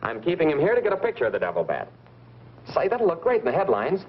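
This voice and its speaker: An American actor playing a brisk, sly newspaper reporter in a 1940s B-movie style. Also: male voice, fairly high pitch, huge pitch swings. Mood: insistent. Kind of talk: 1940s B-movie film acting. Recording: muffled, noisy vintage film soundtrack.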